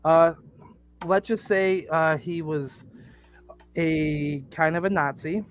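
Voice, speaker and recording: A man's voice: fairly high pitch, takes it slowly, clean tone. Rambling man on a casual podcast. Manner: rambling, fills with "uh" and "like". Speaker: podcast cast member. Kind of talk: casual chat.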